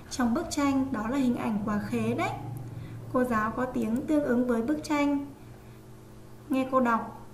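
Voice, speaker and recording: A high-pitched woman teaches young children to read in an online lesson. She stretches each sound as she spells out syllables. The room echoes, with a faint hiss behind her. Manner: slow, drawn-out sounding out of letters. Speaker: online primary school teacher.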